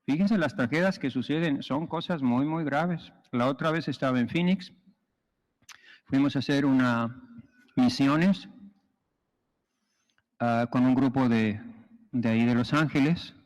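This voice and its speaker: A priest preaching a sermon and telling stories with humor in an animated way, in a long church reverb. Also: male voice, medium pitch, unhurried, long pauses.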